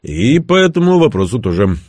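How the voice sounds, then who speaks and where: An audiobook narrator voicing a weary older male ex-KGB official, speaking in a measured, rueful way. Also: mid-range voice, big pitch swings, a little mellow, no echo, clean studio sound, voice pushed up, close to an everyday voice. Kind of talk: audiobook character reading.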